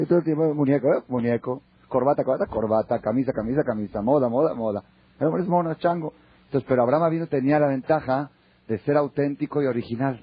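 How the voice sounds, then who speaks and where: Husky Mexican rabbi telling a story. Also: male voice, medium pitch. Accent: Mexican Spanish. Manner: lively, acts out dialogue. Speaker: rabbi teaching a class. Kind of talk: Torah class storytelling. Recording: dull lo-fi recording.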